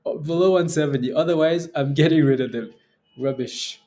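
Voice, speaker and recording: Mellow-voiced man, blunt live trading host. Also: a little high, brisk. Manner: exasperated, blunt, repeats himself for emphasis. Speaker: day-trading livestream host. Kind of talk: casual live trading commentary.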